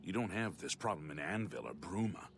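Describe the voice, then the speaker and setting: A man's voice: deep voice, expressive, a little fast, a bit bright, slight background noise. An actor playing a curt, matter-of-fact male townsperson in a fantasy video game.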